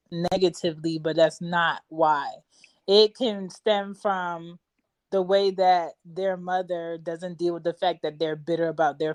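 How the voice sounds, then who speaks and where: A young adult woman co-hosting a podcast, firm and measured. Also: sits low, no echo. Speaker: podcast co-host. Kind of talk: casual podcast discussion.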